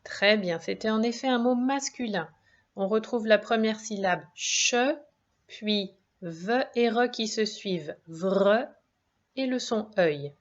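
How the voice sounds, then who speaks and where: Slow, careful woman teaching spelling. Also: mid-range voice. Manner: encouraging. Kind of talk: spelling dictation lesson for young children. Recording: dull lo-fi sound.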